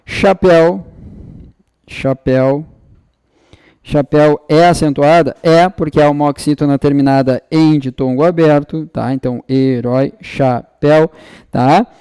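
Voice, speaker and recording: Male teacher, slightly high, dry close sound, acts out student questions. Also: steady tone, a little slow, dark tone, smooth, dry recording. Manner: explains step by step, checks in with frequent tag questions. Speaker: exam-prep Portuguese teacher. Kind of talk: online lesson.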